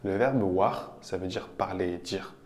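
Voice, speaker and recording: A man teaching vocabulary, explaining each example patiently and repeating phrases slowly. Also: low voice, a little mellow. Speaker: language teacher. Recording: roomy echo.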